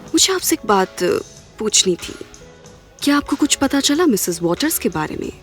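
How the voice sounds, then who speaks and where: A woman's voice: on the high side, sing-song, moderate pace, soft background music. A woman voicing an earnest, caring school teacher who speaks politely. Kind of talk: dubbed drama.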